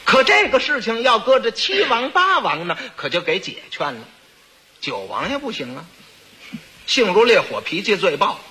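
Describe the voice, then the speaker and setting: A man telling a traditional story, with chatty, animated asides to the listeners. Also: high-pitched, normal speed.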